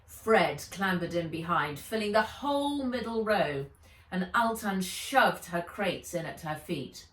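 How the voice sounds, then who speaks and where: In slow, measured dramatised narration, a woman performs her own children's adventure book with lively intonation and a fairly low voice that swings expressively and theatrically, clear in intent. She sounds distant from the microphone in an echoey, roomy recording.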